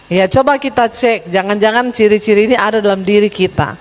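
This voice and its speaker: A middle-aged woman pastor preaching a sermon in a lively, humorous way with sudden animated rises. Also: mid-range voice, fairly quick, long reverb tail.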